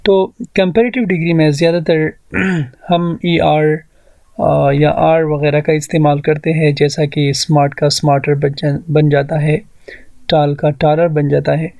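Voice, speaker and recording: A man teaching an English grammar lesson, explaining rules slowly and spelling words out syllable by syllable. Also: fairly high pitch, little pitch movement, gravelly, darkish tone, no echo. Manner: mixes Hindi-Urdu explanation with read-out English rules.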